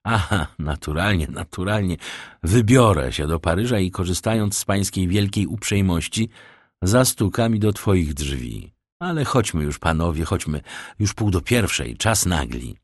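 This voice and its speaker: A man voicing a suave, worldly count who speaks in measured, urbane tones, read in an audiobook. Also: sits low, expressive, breathy edge, no echo, studio quality. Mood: courteous. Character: suave worldly male count, persuasive host.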